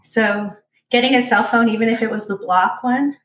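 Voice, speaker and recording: A woman in her forties from Orange County, co-hosting a podcast, telling stories in a halting, reflective casual chat. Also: on the high side, fairly bright tone. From Orange County, California. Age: 40s. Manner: reflective storytelling, halting with fillers. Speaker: podcast co-host. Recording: roomy echo.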